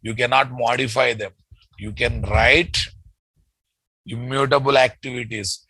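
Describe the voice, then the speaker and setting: Slow, bright-voiced man with Telugu Indian accent, teaching. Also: medium pitch, fairly even intonation, husky, no echo, poor audio. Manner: repetitive, often addressing students as "guys". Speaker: software trainer. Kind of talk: live technical lecture, drawing and explaining step by step.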